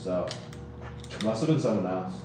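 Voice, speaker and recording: A man's voice: fairly low pitch, lively intonation, moderate pace, heavy reverb, recorded from a distance, background noise. A young man from Guatemala, a barbershop customer, chatting casually with lots of fillers and restarts. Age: young adult. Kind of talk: casual chat.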